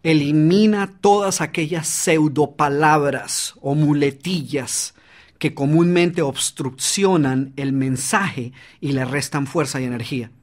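Narrating his own audiobook on public speaking, a man coaches the listener directly and demonstrates shifts in volume and pace. His voice is a little high and slow.

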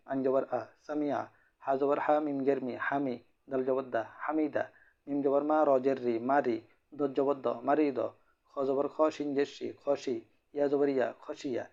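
Man slowly drilling syllables, dull recording. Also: mid-range voice, darkish tone. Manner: drills syllables by rhythmic repetition. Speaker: Quran reading teacher. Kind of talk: slow spelled-out recitation lesson.

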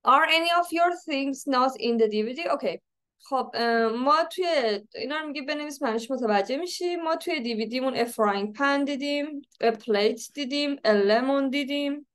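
A young woman teaching an English lesson in a slightly high voice. She reads English sentences slowly and deliberately, then explains them at a brisk, casual pace. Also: fairly bright tone. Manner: switches between slow read-aloud English and quick explanations.

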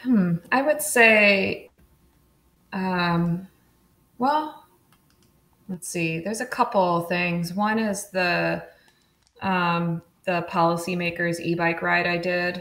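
A woman's voice: lowish voice, fairly even intonation, slow, pauses often, a bit bright, roomy sound. A woman guest in a casual interview, chatty, with frequent laughs and fillers. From Oregon, USA. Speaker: podcast guest, street-safety advocate.

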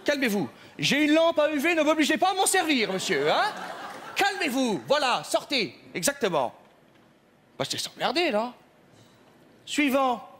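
A man's voice: very high-pitched, wildly swooping pitch, measured pace, fairly bright tone, slight background noise, heavily acted. A man playing a fussy, mock-polite male census clerk at a counter in a stage comedy sketch, with stammering fillers. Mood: officious.

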